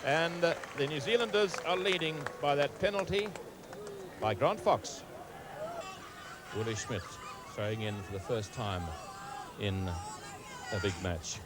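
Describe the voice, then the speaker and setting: A man giving live rugby commentary, his voice leaping up with excitement during play. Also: medium pitch, unhurried, pauses often, a crowd in the background. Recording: noisy 1980s stadium broadcast.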